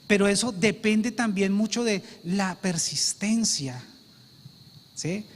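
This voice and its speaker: A man's voice: sits high, slow pace, big-room sound, a little hiss or hum. A male pastor preaching a sermon with emphasis, repeating phrases and saying "amén" often.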